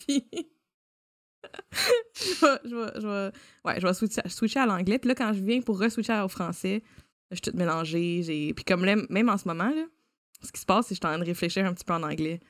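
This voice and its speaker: A woman with a Quebec French accent chats animatedly in a slightly low voice. She drops English words into her French. Her voice sits close and dry in the mic. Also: fast, no echo. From Ontario. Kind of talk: casual conversation.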